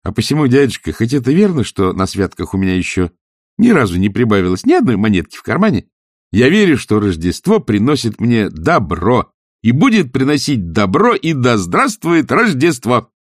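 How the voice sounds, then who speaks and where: A man's voice: mid-range voice, wildly swooping pitch, normal speed, no room sound, clean studio sound, voice pushed up. A man voicing a cheerful young nephew who speaks up in a raised, exclaiming voice. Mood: earnest.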